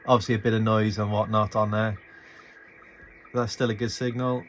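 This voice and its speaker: A man speaks a little fast in a lowish voice with flat delivery. Filming his radio gear on a handheld phone, this hobbyist gives a casual, unscripted tutorial, thinking aloud informally and hesitantly about his screen and equipment. The recording is noisy and amateur.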